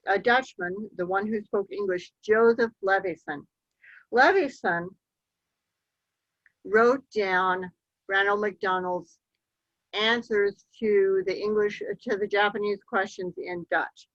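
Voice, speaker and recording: A woman presents a slide-show talk on local history, telling it slowly and measuredly with occasional ums. Her voice is mid-pitched and a bit bright, and the recording is muffled, dull, lo-fi and dry.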